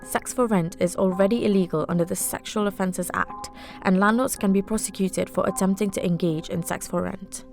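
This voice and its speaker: A woman reads a scripted news report at a medium pitch. Faint music plays underneath her narration. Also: steady tone, a little fast, vocal fry, a little mellow.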